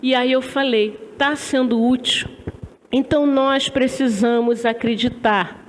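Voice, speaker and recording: A woman from Brazil giving a spiritist religious lecture in a lecture hall, animated and chatty as she tells stories. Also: on the high side, measured pace, a little hiss or hum.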